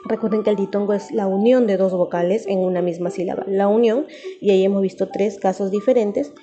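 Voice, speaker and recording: A woman teacher giving a recorded grammar lesson, patient and repeating key terms slowly for her students. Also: medium pitch, fairly even intonation, mellow, lo-fi sound, faint music behind.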